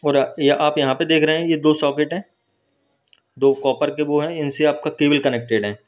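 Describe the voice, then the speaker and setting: A man with a slightly high voice teaches welding in a workshop at normal speed and in a steady tone, explaining each step and often checking in with his viewers. The hands-on lesson is captured on a phone held while filming, with dull lo-fi sound.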